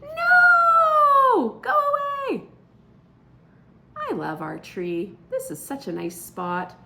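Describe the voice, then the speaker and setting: A woman acting out a territorial bird in a classroom skit, proud of its spot and shouting at intruders to go away. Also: fairly low pitch, wildly swooping pitch, a little slow, creaky, heavy background noise, full character voice. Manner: content musing, then shouted refusals. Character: territorial bird, proud then fiercely shooing.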